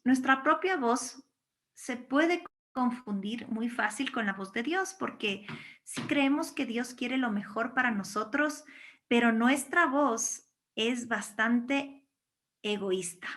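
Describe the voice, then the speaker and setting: A woman from Guatemala preaching a sermon, lively, acting out quoted voices and often asking her listeners "¿no es cierto?". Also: a little high, slow.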